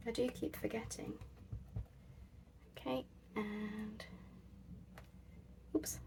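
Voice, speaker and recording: Casting note: woman, crafting host, relaxed rambling chat with a gravelly edge and faint background noise. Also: medium pitch, extremely slow. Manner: chatty, thinks aloud with many fillers.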